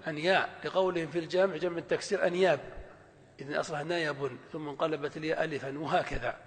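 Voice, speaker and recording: A man teaching Arabic morphology in a lecture, asking questions and answering them himself, at times stretching words out slowly. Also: fairly high pitch, steady tone, big-room sound.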